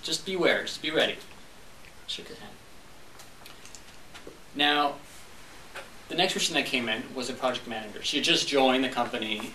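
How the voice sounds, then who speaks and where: Speaking in a medium pitch, a young Montreal man whose language is French entertains a club audience with a funny tale, slipping into other people's voices as he goes. He comes across as bright and forceful. The recording is distant and echoey, with a little background noise in the roomy space.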